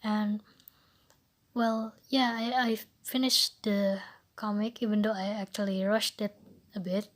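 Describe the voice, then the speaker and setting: Teen schoolgirl, raspy voice, slow and halting delivery with stutters and restarts for a class presentation. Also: mid-range voice, little pitch movement. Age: teens. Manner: hesitant, stuttering and repeating words. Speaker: high school student.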